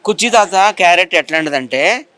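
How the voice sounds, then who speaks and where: A man's voice: high voice, animated, brisk, bright, forceful tone, dry recording. A man from Visakhapatnam giving an indignant, insistent account in an interview. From Visakhapatnam, India. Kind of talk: heated complaint in an interview.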